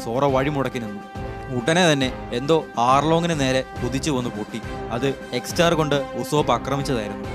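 A man narrating an anime episode recap as a scripted story, in a steady storytelling read on a close voice-over mic. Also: medium pitch, fairly quick. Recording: voice-over with clear music behind.

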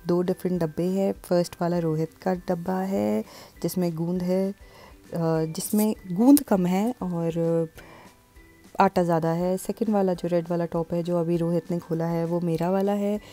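A woman's voice: fairly low pitch, steady tone, normal speed, few pauses, mellow, faint music behind. Chatty woman narrating a home vlog. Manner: chatty, mixing in English phrases. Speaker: vlogger.

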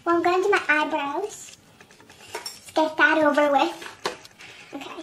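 A vlogger with a helium-like chipmunk pitch-up effect, chatting casually and uncertainly to themself through a task. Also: measured pace, sharp tone, a little hiss or hum. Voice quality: high squeaky chipmunk, helium-like voice from pitch-shifting. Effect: chipmunk pitch-up filter. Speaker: beauty vlogger. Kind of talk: casual chat while doing a makeup challenge.

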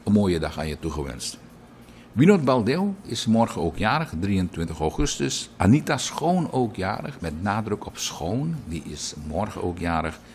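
Deep-voiced man reading birthday wishes. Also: a little hiss or hum. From Suriname. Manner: chatty, lively, digresses into anecdotes. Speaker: radio and TV presenter. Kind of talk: birthday announcements on broadcast.

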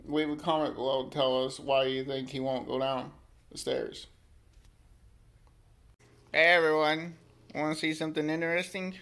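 With a fairly high, fairly bright voice and fairly even intonation, a man speaks at a moderate pace with long pauses. He is a pet vlogger chatting casually to the camera and his dog indoors at home, in a hallway and carpeted room, repeating simple questions to coax the dog. He films on a handheld phone or camera behind the lens, and the amateur audio is noisy.

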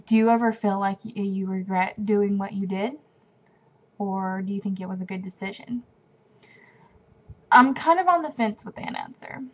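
A young woman talks casually to her webcam from home, rambling along with plenty of fillers and restarts. She's a bit stuffy from a runny nose, and her voice sits at an ordinary middle pitch. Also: a little mellow, low-quality recording. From California. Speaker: vlogger. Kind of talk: casual talking-to-camera vlog. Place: at home indoors.

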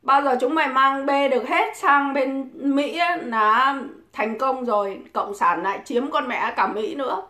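A woman hosts a livestream rant, taunting and cursing at her critics in a scornful, mocking way. Her voice sits a little high, and she takes her time. The sound is roomy and echoey. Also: a little slow, hardly any pauses, pushed and bright. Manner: mocking, provoking, swears constantly. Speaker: livestream host. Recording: echoey room.

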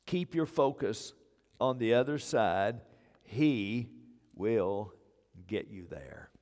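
This older pastor's sermon comes in a fairly low, darkish, expressive voice, delivered slowly. On the indoor sanctuary stage with a wireless mic, he hammers his points through repetition, and the church hall's long reverb lingers.

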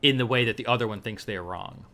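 A man's voice: fairly low pitch, fast talker, gravelly, bright, forceful tone. A young man co-hosting a casual podcast chat, with dry sarcastic banter and the odd mock voice for a joke. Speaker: podcast co-host.

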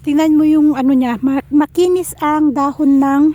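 A woman's voice: sits high, fairly even intonation, normal speed, warm tone. A woman chatting to her viewers in a casual vlog while walking outdoors and gathering vegetables. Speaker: vlogger. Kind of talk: casual cooking and garden vlog.

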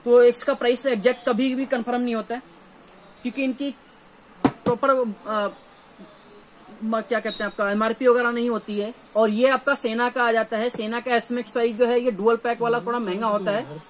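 A shop dealer in his thirties, North Indian accent, delivers a loose, repetitive product showcase to camera. His voice is very high-pitched and steady at a normal pace. The setting is a small, cluttered gear shop indoors, and the rough recording picks up faint shop background noise.

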